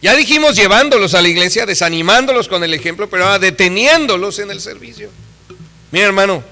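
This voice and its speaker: A man delivers a sermon in a high, bright voice. He is emphatic, acts out the people he quotes, and swings between loud and soft passages. The church around him adds a long reverb. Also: expressive, fast talker, gravelly. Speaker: preacher.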